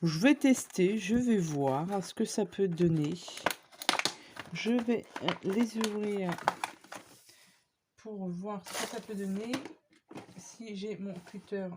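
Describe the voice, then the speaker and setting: A woman's voice: medium pitch, slow, long pauses, noisy background. A woman chatting casually to viewers as she shows off craft supplies she bought, with lots of fillers and small asides. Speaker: scrapbooking vlogger. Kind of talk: casual shopping haul show-and-tell.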